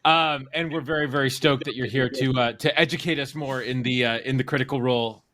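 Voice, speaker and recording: A man's voice: medium pitch, steady tone, brisk, pushed and bright. A man hosting a podcast, asking the questions with a lot of hesitant fillers. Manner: hesitant, many filler sounds, leads the questions. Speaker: podcast host. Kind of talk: casual podcast interview.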